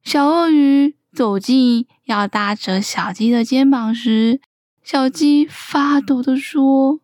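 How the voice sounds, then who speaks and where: A woman tells a children's story in an unhurried, gentle, expressive manner. Her voice sits a little high, and the delivery is very slow. The recording is close and dry. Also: no room sound.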